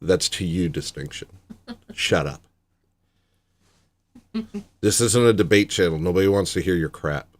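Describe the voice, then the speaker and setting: A man's voice: low voice, measured pace, pauses often, darkish tone. A young man hosting a casual livestream from his home setup, rambling, sarcastic and self-deprecating. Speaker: livestream host.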